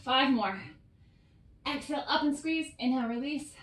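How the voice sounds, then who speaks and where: A woman's voice: high-pitched, normal speed, a bit bright, far from the mic. A woman fitness coach guiding a workout, encouraging and cueing each breath and rep, a little out of breath. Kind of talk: workout instruction. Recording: roomy sound, voice off-mic.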